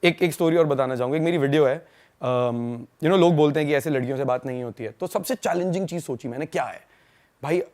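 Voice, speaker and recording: A young man from India, a podcast guest, telling stories in a fast, slangy, casual way and laughing along. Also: on the high side, darkish tone. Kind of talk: casual storytelling chat.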